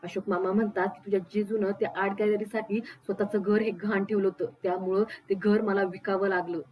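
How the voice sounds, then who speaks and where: A woman narrating a TV serial recap as a steady, scripted reading, voicing the dialogue in her own plain way. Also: mid-range voice, fairly quick, husky, lo-fi sound.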